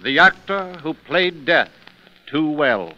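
A man acting as narrator and host delivers a scripted 1930s radio show in a dramatic, portentous manner, heard through a muffled old 1930s recording with background music. His voice is on the high side, with big pitch swings and a slow pace.

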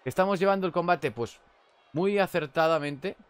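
A young man with a Spanish accent commentating on a wrestling video game. He chats casually and shouts at big moves. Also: on the high side, normal speed, clean tone, dry recording. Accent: Spain Spanish. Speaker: gameplay commentator.

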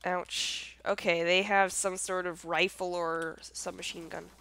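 A woman's voice: fairly low pitch, level tone, unhurried, creaky, a bit bright, slight background noise. A woman with a congested, nasal voice chatting casually through her gameplay, easily surprised and self-deprecating. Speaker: gameplay commentator.

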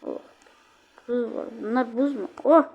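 A woman talking through her own game play as a let's-play host, chatty and exclaiming, quickly annoyed when the game goes wrong. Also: fairly high pitch, breathy edge, narrow, tinny audio. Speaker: gaming channel host.

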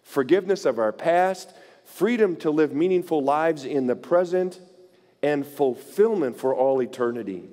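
Male pastor, sermon, higher voice, animated delivery, church reverb. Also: normal speed. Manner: animated preaching with voiced quotes. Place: church sanctuary.

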